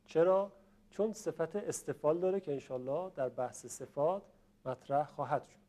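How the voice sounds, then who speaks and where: A man's voice: on the high side, mellow. Patient man teaching Quran recitation. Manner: patient, explains then recites slowly for class to repeat. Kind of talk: classroom teaching with chanted examples.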